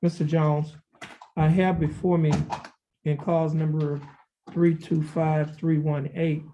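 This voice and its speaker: A male judge conducting a formal plea hearing in a courtroom recording, reading documents aloud in a measured, formal way. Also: a little high, level tone, mellow. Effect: courtroom recording heard over a video call. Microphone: video call. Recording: dull lo-fi courtroom audio with faint hiss.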